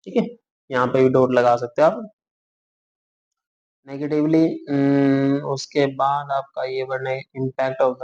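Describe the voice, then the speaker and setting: Slow, patient shorthand teacher, muffled recording. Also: male voice, medium pitch, a little mellow. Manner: slow, patient, spells words out letter by letter and asks "clear?"; calls students "beta", corrects himself as he draws. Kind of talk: explaining shorthand outlines for dictation words.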